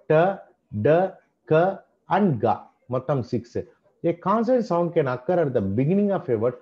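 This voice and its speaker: A man teaching an online English pronunciation class, explaining in English and then restating in Telugu, drilling sounds and example words one by one. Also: mid-range voice. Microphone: computer mic on video call. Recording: dull lo-fi video call audio.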